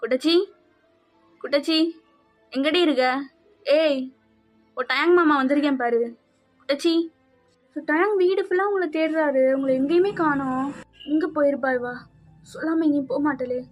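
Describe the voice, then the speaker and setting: A woman's voice: high voice, normal speed, pauses often, lightly acted. A woman voicing a frantic, remorseful young husband. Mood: anxious, pleading. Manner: pleading, anxious calling out. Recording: slightly dull with faint music.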